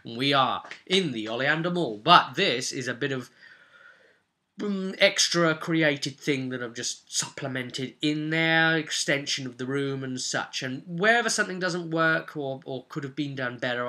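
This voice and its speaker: A male game master hosts a vlog, explaining things casually in a rambling, emphatic style and repeating words for emphasis. His mid-range voice sounds pushed and bright.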